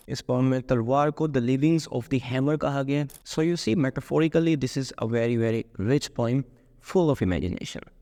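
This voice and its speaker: A man with a Pakistani accent teaching literature, switching between Hindi-Urdu and English and alternating quick runs with slow, stressed phrases. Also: mid-range voice, darkish tone, long reverb tail. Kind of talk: lecture.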